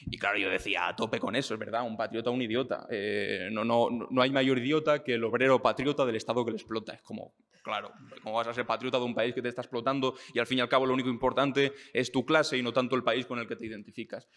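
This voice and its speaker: A young man from Spain talking casually and thinking aloud, with fillers and restarts, slowing down to stress his points. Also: mid-range voice, steady tone, fairly bright tone, big-room sound. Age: young adult. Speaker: speaker on politics and identity. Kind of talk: casual talk.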